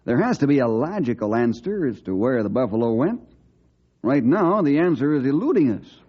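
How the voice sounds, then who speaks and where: An actor playing an earnest, steady forest ranger hero in an old-time radio adventure, speaking respectfully and clearly. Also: male voice, mid-range voice, moderate pace. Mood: ashamed, earnest. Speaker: lead ranger. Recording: muffled, noisy old radio recording.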